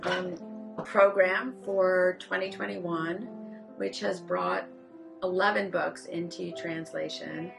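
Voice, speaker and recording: Low gravelly woman presenting. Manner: measured, with pauses and fillers. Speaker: publisher presenting her list. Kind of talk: prepared presentation.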